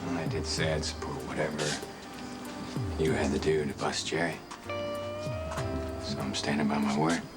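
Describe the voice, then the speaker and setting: Brief: a teasing, loyal lover, extremely deep flat voice, loud music under. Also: male voice, moderate pace, pauses often. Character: loyal, flirtatious man at a bathtub.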